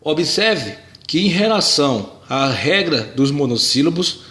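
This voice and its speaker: A man's voice: a little high, big pitch swings, unhurried, a bit bright. A man narrating a scripted grammar lesson, carefully spelling out words and syllables. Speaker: teacher.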